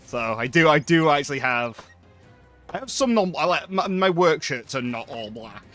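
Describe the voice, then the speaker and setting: A man's voice: fairly high pitch, very animated, moderate pace, fairly bright tone, soft background music. A man streaming a game, chatting casually with dry, self-deprecating jokes, from the United Kingdom. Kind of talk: casual banter while gaming.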